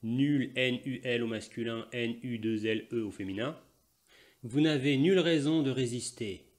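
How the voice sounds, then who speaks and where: French guy giving a language lesson, says examples over slowly, mixes in portuguese explanations. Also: mid-range voice, a little mellow. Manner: slow deliberate repetition of example phrases. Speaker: French teacher.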